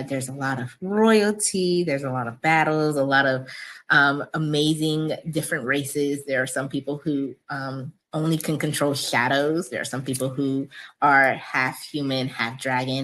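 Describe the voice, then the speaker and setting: Low-pitched woman author guest, chatty, lots of ums and laughs. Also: fairly bright tone. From United States, Cameroonian parents. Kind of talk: casual interview chat.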